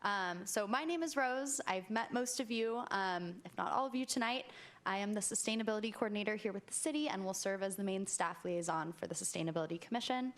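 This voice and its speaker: A woman's voice: mid-range voice, brisk. A woman speaking as a staff liaison, running a public meeting in a semi-formal way.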